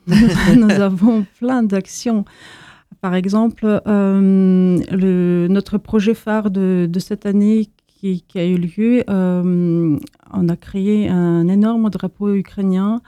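Hesitant woman from Moldova, very dark voice. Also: mid-range voice, steady tone, slow pace, clear, resonant tone, dry recording. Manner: hesitant, many fillers and restarts. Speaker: association founder. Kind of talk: interview answers.

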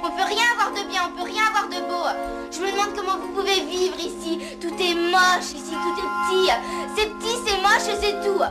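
A woman doing a high whiny sulking girl. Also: fairly even intonation, normal speed. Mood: petulant. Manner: petulant, sulky complaining. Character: whiny, disdainful girl complaining about her home. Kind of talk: played clip over jingle music. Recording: voice over loud music.

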